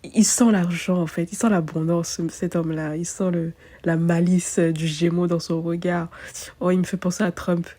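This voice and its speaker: A woman's voice: on the low side, level tone, moderate pace, mellow. A woman, an astrologer chatting casually and self-mockingly, thinking aloud with many fillers. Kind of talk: casual chat to camera.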